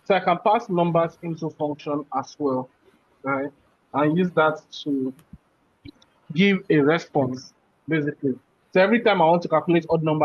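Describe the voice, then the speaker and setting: This programming instructor has a fairly high, dry-sounding voice on a muffled, dull recording. During a live coding class he walks through the code step by step, checking in again and again with "right?".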